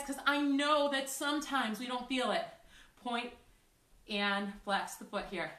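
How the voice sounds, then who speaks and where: A woman's voice: fairly high pitch, a bit bright. A woman fitness instructor leading a workout class, out of breath, encouraging the class and counting down reps. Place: fitness studio. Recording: echoey room, mic at a distance.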